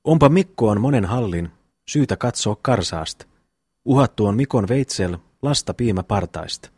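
A man's voice: on the low side, animated, a little mellow, husky, no echo, clean studio sound. A man reading a cheeky young rhymester. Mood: teasing, rhythmic. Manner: rhythmic sing-song recitation of rhyming verses. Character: bold young man, mocking rhymester brother. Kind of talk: audiobook reading.

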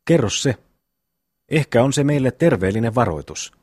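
A man's voice: mid-range voice, animated, darkish tone, breathy edge, no room sound, clean studio sound. A man reading a pious moralizing brother. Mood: solemn. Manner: solemn, preachy.

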